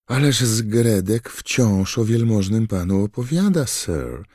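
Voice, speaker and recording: A man voicing a timid, servile female house-elf in an audiobook, with a high, trembling squeak and constant deference. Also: big pitch swings, slow pace, darkish tone, dry recording, clean studio sound, full character voice. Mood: timid, awed. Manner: servile, calls everyone sir. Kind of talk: audiobook character voice.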